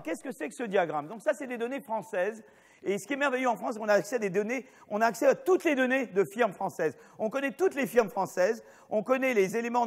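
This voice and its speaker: A middle-aged male professor lectures with a fairly high voice. He talks off the cuff, restarting sentences, checking that listeners follow, and slipping in wry asides about himself. The sound carries a long reverb from the hall. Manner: digressive, many restarts and asides, checks in with "vous voyez"; jokey, self-mocking asides. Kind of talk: spontaneous university lecture.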